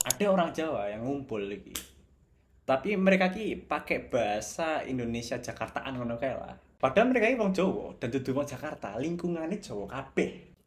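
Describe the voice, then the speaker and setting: A young Javanese man with a clear Javanese accent delivers a relaxed, reflective video essay, moving easily among Javanese, Indonesian and a bit of English. His voice is at an ordinary middle pitch, and faint noise sits under the recording.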